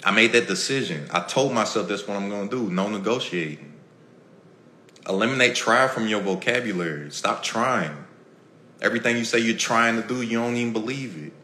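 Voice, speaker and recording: A man's voice: fairly low pitch, fairly quick, sharp tone. Emphatic, preachy man in an echoey room. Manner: preachy, repetitive, emphatic, acting out everyday dialogue. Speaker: podcast host. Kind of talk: motivational talk to a live audience.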